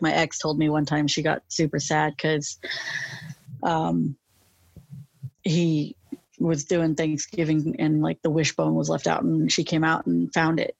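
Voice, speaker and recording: A woman's voice: low-pitched, flat delivery, measured pace, vocal fry, dry recording, muffled recording. A young woman with a lateral lisp, chatting casually in an interview, rambling with many fillers. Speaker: interview guest.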